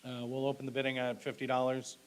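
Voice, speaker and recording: Male auctioneer over clearly audible hiss. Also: mid-range voice, completely flat delivery, quick pace, low-quality recording. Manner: repetitive, clipped bid calls with polite thanks. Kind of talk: live auction calling with item descriptions.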